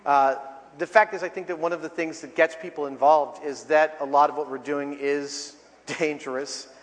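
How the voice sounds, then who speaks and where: A man's voice: on the high side, fairly even intonation, moderate pace. A man answering audience questions at a live talk, enthusiastic and loose, with some swearing. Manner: enthusiastic, loose, a bit profane. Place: large hall at a convention. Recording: large hall with audience.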